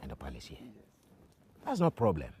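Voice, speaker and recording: An actor playing a stately, amused village king, a man with measured, regal speech and a Nigerian accent in a film drama. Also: a bass voice, wildly swooping pitch, dark tone, a little hiss or hum, exaggerated voice. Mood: agreeable.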